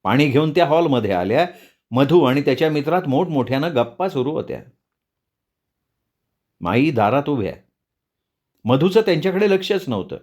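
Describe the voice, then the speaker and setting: A man narrating a serialized novel aloud in a measured, expressive storytelling reading. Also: fairly high pitch.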